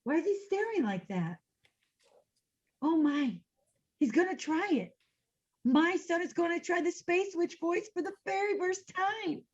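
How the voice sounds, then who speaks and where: A woman's voice: extremely high pitch, lively intonation, measured pace, long pauses, highs cut off. A woman playing a brash, sardonic space-witch mother in a sci-fi comedy spoof. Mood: proud.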